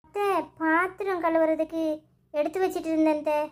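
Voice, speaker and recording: A woman voicing a meek, timid young daughter-in-law in a cartoon, speaking softly and hesitantly in Tirunelveli Tamil. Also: very high voice, fairly even intonation, fairly quick. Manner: soft, hesitant, polite.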